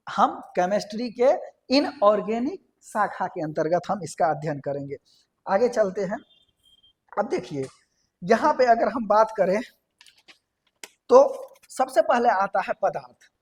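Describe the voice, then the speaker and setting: A woman's voice: medium pitch, a little mellow. A woman teaching a science lesson, explaining step by step, putting questions to the class and answering them herself, and repeating key terms. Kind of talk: classroom lecture.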